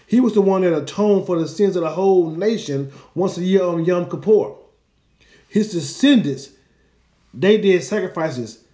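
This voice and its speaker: Guy explaining bible stuff earnestly, pretty high voice, roomy echo. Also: mellow. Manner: earnest, explanatory, uses Hebrew names. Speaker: Bible teacher. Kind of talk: Bible teaching. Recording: echoey room.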